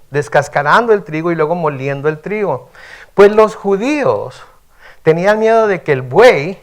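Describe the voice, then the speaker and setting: Pastor preaching conversationally. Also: male voice, on the high side. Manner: conversational, frequent "¿verdad?" tags, reads scripture aloud and explains. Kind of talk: midweek sermon, Bible teaching.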